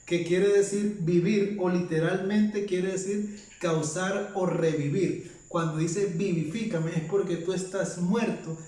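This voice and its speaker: High-voiced man teaching in an echoey room. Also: fairly even intonation, a little slow, mellow. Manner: explanatory, asks himself rhetorical questions; reads verses aloud one after another. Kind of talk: casual Bible teaching. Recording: very echoey room, mic at a distance.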